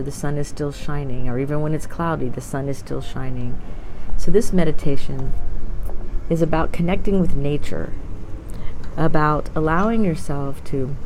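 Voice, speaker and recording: Female meditation guide, low register, very measured and soothing, clear outdoor wind noise behind. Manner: calm, soothing, unhurried delivery with long pauses. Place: outdoors at a waterfront yacht club by a bay. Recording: windy outdoor noise, distant boat ambience. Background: outdoor wind and waterfront ambience.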